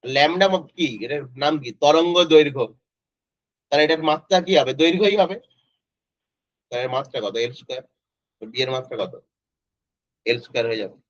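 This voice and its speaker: A man's voice: a little high, lively intonation, a little fast, long pauses, dry recording. A male physics tutor, teaching an online class in a casual way and quizzing students by name. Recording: dry, slightly dull lo-fi audio.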